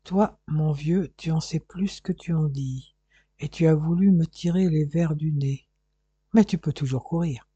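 A man doing a gruff, grumbling police inspector. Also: a little high, unhurried, warm tone, dry recording, muffled recording. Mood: sly. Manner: grumbling, sardonic.

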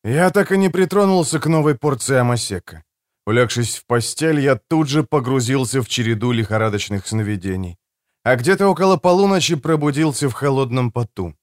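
A man narrating a first-person action story with tense, dramatic delivery. His voice sits in a middle pitch but moves a lot, and the studio sound is close and dry. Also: expressive, a little fast, no echo. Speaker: audiobook narrator.

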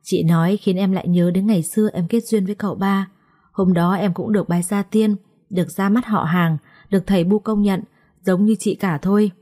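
A woman storyteller voicing a gentle but firm young bride who speaks politely and with restraint. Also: medium pitch, fairly even intonation, a little fast, close to an everyday voice.

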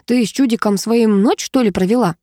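A woman voicing a chatty, teasing young female friend who talks in a quick, mocking, gossipy way. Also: on the high side, warm tone, no echo, studio quality, pitched above the performer's own voice, lightly acted.

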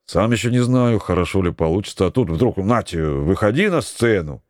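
A man voicing an excitable, red-haired young sailor who jokes and shouts at his comrades. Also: normal speed, no echo, studio quality. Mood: grumbling. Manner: shouting, teasing, high-pitched.

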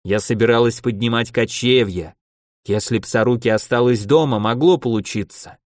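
A man's voice: medium pitch, normal speed, no echo, clean studio sound, natural voice. A man voicing a blunt, hot-tempered female warrior captain who speaks curtly. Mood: worried. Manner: gruff, curt speech.

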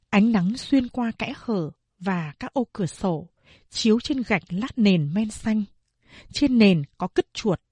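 A woman narrating a novel as an audiobook in a steady storytelling manner. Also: mid-range voice, slightly rough, no room sound.

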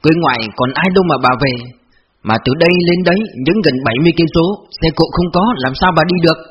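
A man's voice: a little high, rapid-fire, crowd noise, natural voice. A man voicing a hot-tempered village husband and grown son, blunt and stern. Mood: alarmed. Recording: dull lo-fi audio with faint music.

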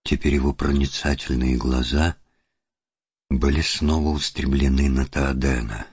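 A man narrating an audiobook in a measured, even storytelling manner. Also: rumbling low, breathy edge, no room sound. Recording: dull lo-fi audiobook with faint music.

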